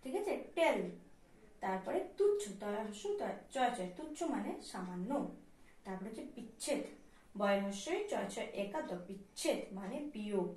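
Patient Bengali teacher in an echoey room. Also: female voice, medium pitch, big pitch swings, a little mellow, recorded from a distance. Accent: Bengali (West Bengal). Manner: slow, patient, spelling words out letter by letter and often checking "all right?". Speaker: primary school teacher. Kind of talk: recorded class lesson.

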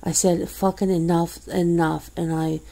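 A woman's voice: on the low side, level tone, measured pace, vocal fry, dark tone. A woman playing a fed-up friend in an ASMR role-play, berating and swearing with cold scorn. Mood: disgusted, cold. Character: fed-up woman coldly cutting off a bad friend. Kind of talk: ASMR role-play, one-sided confrontation.

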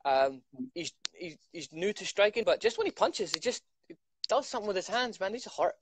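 A young man, an MMA fighter answering quick questions on a video call, chatty and self-mocking with many restarts. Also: high-pitched, big pitch swings, a little hiss or hum. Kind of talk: casual video-call interview. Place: living room at home.

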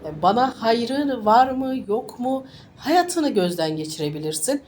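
A woman sniffly with a summer flu, reading fortunes informally for viewers in a halting, reassuring way and often repeating her phrases. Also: on the high side, animated, darkish tone, slight background noise. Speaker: fortune teller.

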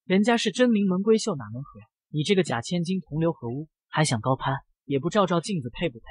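A jealous young socialite, catty and triumphant, voiced by a male narrator. Her sneers come in a husky voice with a slight lift, recorded dry. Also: on the high side, lively intonation, fast talker, no echo. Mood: gloating. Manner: gloating, catty.

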